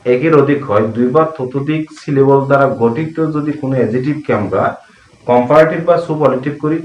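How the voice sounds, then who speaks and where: A man with a Bangladeshi Bengali accent teaching English grammar in a slow, classroom-style lesson, repeating key terms and asking and answering his own questions. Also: medium pitch. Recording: echoey room, mic at a distance.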